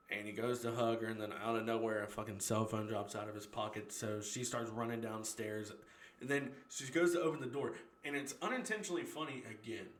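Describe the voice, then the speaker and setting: A man's voice: lowish voice, roomy sound. A man casually retelling a horror movie scene by scene, swearing freely and laughing at his own retelling.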